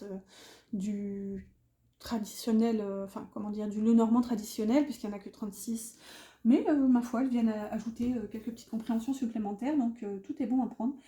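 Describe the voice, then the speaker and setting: A woman's voice: fairly high pitch, fairly even intonation, brisk, dark tone. A woman giving a casual tarot reading, talking straight to her viewers with plenty of hesitant fillers. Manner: chatty, hesitant with many fillers, addresses viewers directly. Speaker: tarot reader.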